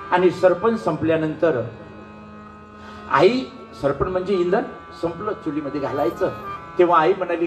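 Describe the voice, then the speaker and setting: High-voiced dramatic kirtan preacher. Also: male voice. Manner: dramatic, emotional storytelling. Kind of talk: devotional kirtan storytelling. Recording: roomy hall with faint instruments.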